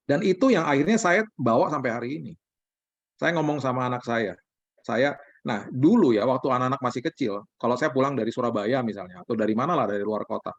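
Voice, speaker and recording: A man, a pastor, preaching in a relaxed, conversational way over a video call. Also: mid-range voice, no room sound. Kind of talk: sermon-style sharing over video call. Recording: dull lo-fi video call audio.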